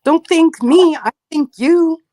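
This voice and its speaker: Gushing woman chatting slowly, dry sound. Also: extremely high pitch, mellow, no room sound. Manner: effusive, gushing, emotional. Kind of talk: casual livestream chat.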